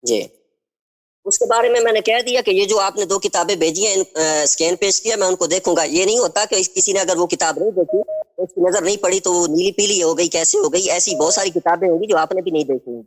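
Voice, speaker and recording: Guy calling into a live show, pushes back calmly, sounds defensive. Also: high voice. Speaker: caller. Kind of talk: heated live debate.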